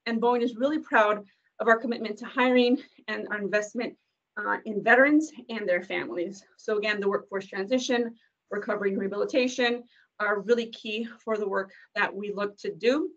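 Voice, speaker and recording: A woman from a company's community engagement team presenting slides on a video call, filling pauses with many ums and uhs. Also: mid-range voice, a bit bright. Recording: dull lo-fi video call audio.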